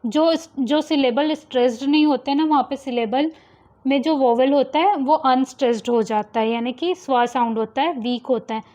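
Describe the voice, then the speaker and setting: A young woman teaching English pronunciation, repeating example words slowly to contrast wrong and right ways of saying them. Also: high voice, a little mellow. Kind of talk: phonics lesson explaining pronunciation rules. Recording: slightly dull lo-fi sound.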